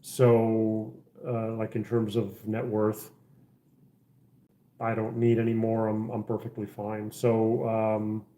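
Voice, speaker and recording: A middle-aged man from the Czech Republic talks casually to his livestream viewers from his house. His voice is mellow and dark, and he rambles through plenty of ums and false starts. The room around him is echoey. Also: on the low side, monotone, slow. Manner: rambling, many fillers and restarts. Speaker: livestream host. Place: house interior.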